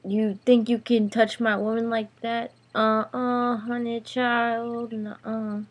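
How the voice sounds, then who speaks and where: A woman voicing a jealous, sassy high-school boyfriend who talks in a loud, drawn-out way. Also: level tone. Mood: sassy threat.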